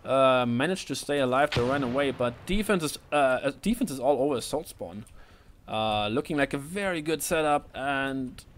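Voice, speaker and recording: A man casting a live online shooter match, talking quickly and jumping up in pitch and volume at big plays. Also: animated, slight background noise. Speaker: esports caster. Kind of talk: live play-by-play commentary.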